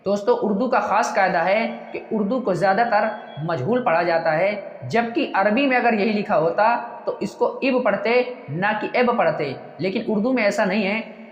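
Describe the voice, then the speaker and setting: A teacher walks through a reading lesson one step at a time, asking each question aloud and then answering it twice. The voice sits at an ordinary middle pitch. It is recorded with a dull, lo-fi tone and a long, roomy reverb. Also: expressive, moderate pace, few pauses.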